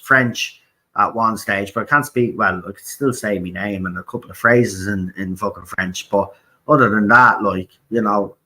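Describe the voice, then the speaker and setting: Heard on a low-quality recording, the Irish man hosting this talk show has a lowish, sharp-toned voice. His political opinions come out blunt and repetitive, laced with swearing and constant "right?"s.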